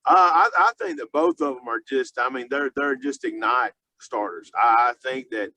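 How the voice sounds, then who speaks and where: In a sports interview, this man talks unscripted as a high school football coach, full of fillers and frequent restarts. His tone is bright and forceful, with a little hiss or hum in the recording.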